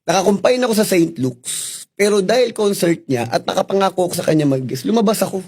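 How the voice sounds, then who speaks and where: A middle-aged Filipino-accented man candidly telling stories in an interview, animated and laughing as he acts out the dialogue. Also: high-pitched, quick pace, slightly rough. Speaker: interview guest.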